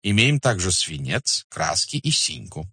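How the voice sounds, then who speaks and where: A man's voice: low-pitched, big pitch swings, a little slow, vocal fry, sharp tone, slightly rough, no room sound, full character voice. A man voicing an obsequious older merchant elder who speaks in a flowery, deferential, pleading way, read as an audiobook character. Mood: servile.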